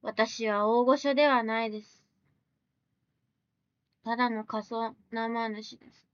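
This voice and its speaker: A woman's voice: on the high side, steady tone, smooth, dry recording, dull audio. A woman live streamer chatting casually, reading viewer comments aloud and firing back blunt, teasing retorts. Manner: blunt, teasing retorts mixed with quick questions.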